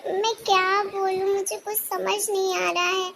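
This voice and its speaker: A gentle young woman in a family cartoon, voiced by a woman, mistreated by her stepmother. She speaks softly and meekly in a very high, light voice, worried and polite. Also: little pitch movement, measured pace, creaky, slight background noise, heavily acted. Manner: soft, meek and anxious.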